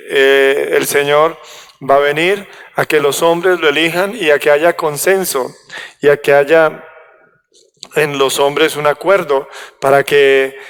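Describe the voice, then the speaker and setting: A man preaching a sermon to a congregation, halting and restarting as he corrects himself. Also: fairly high pitch, clean tone. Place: church hall. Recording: long hall reverb.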